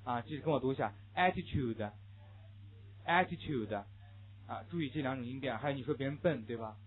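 Rapid-fire and medium-pitched, a young adult male teacher explains English sound changes in a classroom lecture, having students repeat phrases after him. The recording is lo-fi and muffled, like it came through a phone.

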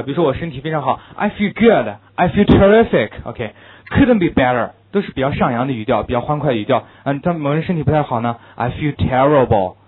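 A man's voice: medium pitch, breathy edge. A man teaching an English listening class in a lecture style, stressing and repeating key points. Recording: tinny phone-like lo-fi recording.

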